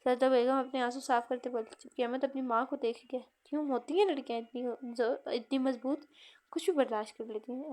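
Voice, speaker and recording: High-voiced woman narrating a novel. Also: dark tone.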